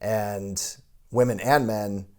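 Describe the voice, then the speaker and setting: Mellow-voiced man hosting a podcast. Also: lowish voice, fairly even intonation, slow pace. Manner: affirming, asks long searching questions. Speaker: podcast host. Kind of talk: podcast interview conversation.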